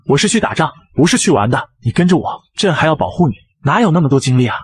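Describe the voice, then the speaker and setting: A man's voice: on the high side, sing-song, fast, husky. A man voicing a proud, stubborn young emperor who talks down imperiously in a comic storybook narration. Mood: scolding. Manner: imperious, grumbling.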